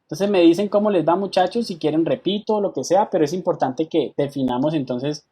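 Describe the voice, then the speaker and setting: Over a video call, a man teaches an online software class, patiently explaining each step and regularly checking in with his students. His voice is a little high, brisk and husky.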